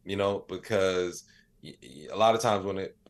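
An American podcast guest with a low voice chats at a normal pace. He's an AI educator and comedian who tells animated stories, acting out what people said and frequently using "like" and "you know."

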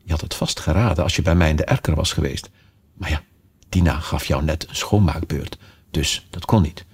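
Husky chatty girl Alice, as a man puts her on. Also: very deep voice, moderate pace, full character voice. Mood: playfully scolding. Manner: scolding, motherly chatter to a kitten. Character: young girl Alice, chatty and playfully scolding. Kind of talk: storybook character voice.

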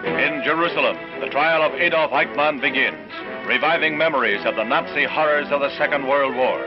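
A man's voice: medium pitch, animated, a little fast. A man narrating an old newsreel in a dramatic announcer delivery, played from archive footage. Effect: old newsreel audio. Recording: lo-fi archive audio with music.

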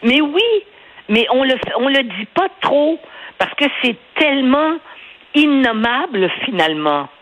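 An older woman with a Québécois accent, a newspaper columnist talking in a radio interview, animated and rambling, laughing often and stumbling over her words. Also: high-pitched, moderate pace, poor audio. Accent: Québécois French.

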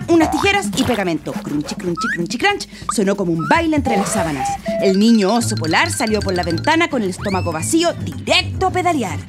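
A woman narrating a children's story in an animated, playful way, with sound effects. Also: mid-range voice. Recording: music playing behind.

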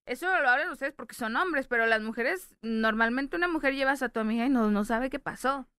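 A Mexican woman co-hosting who asks direct questions. Her voice is very clear and bright, a little raised in pitch, and it is recorded dry. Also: fairly quick, dry recording. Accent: Mexican Spanish. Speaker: radio co-host. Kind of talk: casual sports chat.

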